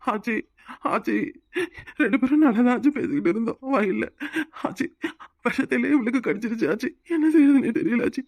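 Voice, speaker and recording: A woman voicing an emotional young village husband in a cartoon, with a Tirunelveli Tamil accent, pleading and quick to flare up. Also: a little high, a little mellow, no echo, clean studio sound. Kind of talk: cartoon voice acting.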